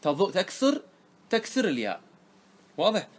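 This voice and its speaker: Male scholar teaching grammar, fairly high-pitched, quizzes his class, repeats points. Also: wildly swooping pitch, moderate pace. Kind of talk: classroom lesson. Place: classroom with students.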